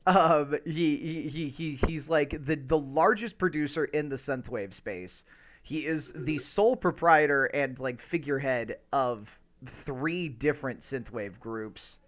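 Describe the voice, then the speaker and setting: A man hosts a casual, unscripted podcast and chats with a live stream, rambling and stammering with loose, sweary language. His voice is on the high side, fairly bright, and unhurried.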